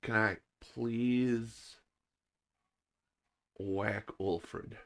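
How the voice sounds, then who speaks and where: A man's voice: on the low side, fairly even intonation, very slow, gravelly. A middle-aged man hosting a gaming show, giving goofy, jokey let's-play commentary and reading on-screen text aloud.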